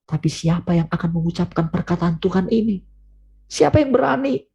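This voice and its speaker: A man preaching a sermon over a video call, earnest and emphatic, rising to urgent questions and then dropping low and quiet. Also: lively intonation, normal speed, creaky, husky, dull audio.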